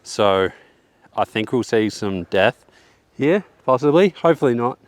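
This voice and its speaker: The voice is mid-range, expressive and a little slow, captured in a dry recording. It belongs to a young Australian man casually commentating a walk down a downhill bike track on a forest hillside outdoors, joking around in slang, relaxed and a touch out of breath.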